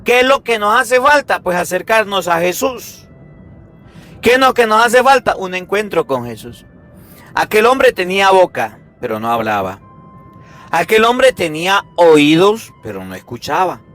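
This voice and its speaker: A male priest preaching a sermon in a lively, emphatic way, full of rhetorical questions. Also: sits high, measured pace, faint music behind.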